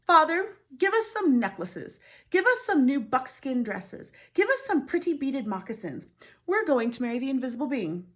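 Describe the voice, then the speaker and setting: A woman's voice: high-pitched, sing-song, normal speed, pitched above the performer's own voice. A woman voicing vain, cruel, demanding young sisters in a haughty, insistent manner for a storybook. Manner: haughty, insistent, stammering when challenged.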